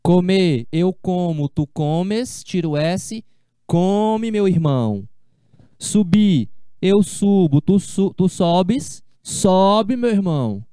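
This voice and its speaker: A man teaching a language class, explaining slowly and repeating each step, with casual friendly asides to his students. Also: high voice, expressive, warm tone, clear, resonant tone, no room sound, clean studio sound. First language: Portuguese. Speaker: Spanish teacher. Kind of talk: online class lecture.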